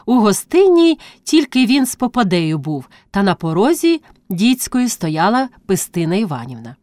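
A woman narrating classic prose as an audiobook reading, with expressive storytelling. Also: medium pitch, moderate pace, dry recording.

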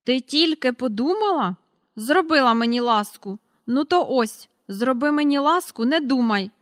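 A tiny, ancient shopkeeper woman with a squeaky, high voice, as a woman reading a storybook puts her on. She is sharp-tongued and nimble. The sound is close and dry. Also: animated, normal speed, dry recording, close to an everyday voice. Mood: mocking.

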